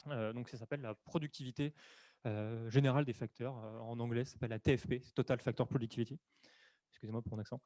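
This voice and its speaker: A man explaining economics in a webinar, speaking quickly and filling his sentences with hesitations and self-corrections. The sound is dry and close, recorded on a desk microphone at his computer. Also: mid-range voice, fairly even intonation, mellow, dry recording. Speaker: webinar presenter. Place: room at home or office, on camera.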